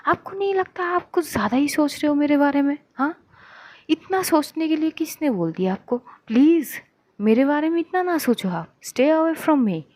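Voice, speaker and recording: A woman's voice: high-pitched, expressive, moderate pace, a little mellow, no room sound, voice pushed up. A woman voicing a touchy young woman who snaps back in exasperation while telling a story. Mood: irritated. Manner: indignant, exasperated.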